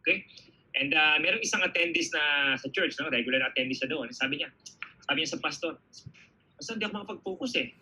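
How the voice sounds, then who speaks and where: Energetic Filipino man telling a story. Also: fairly high pitch, brisk, breathy edge, low-quality recording. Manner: energetic, animated storytelling, frequent "okay?" check-ins. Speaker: business speaker answering audience questions. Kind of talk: motivational Q&A talk.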